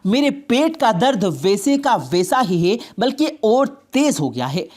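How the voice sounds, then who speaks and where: A woman's voice: on the high side, big pitch swings, darkish tone. A woman voicing a young daughter who pleads tearfully to be believed, in a told story. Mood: pleading.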